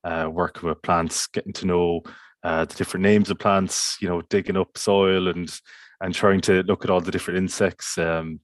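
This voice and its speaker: A man's voice: sits low, little pitch movement, moderate pace, dry recording. A man with a west of Ireland accent, chatting casually as an interview guest in a hesitant, meandering way. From County Mayo, Ireland. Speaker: podcast guest, community water officer.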